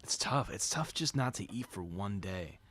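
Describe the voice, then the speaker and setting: A man's voice: lowish voice, expressive, normal speed, a bit bright, dry recording. A man hosting a casual podcast chat, talking in a laid-back, slangy way. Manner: laid-back slangy banter, says bro a lot. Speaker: podcast host.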